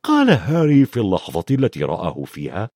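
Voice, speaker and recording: A man narrating a storybook in an expressive, varied reading. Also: on the low side, fast talker, no echo, clean studio sound. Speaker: audiobook narrator.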